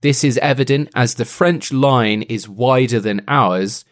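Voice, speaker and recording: A man co-hosts a casual podcast at a medium pitch, retelling a novel with a playful, teasing streak. His talk is jokey and loose, full of asides and quick quips to his co-host.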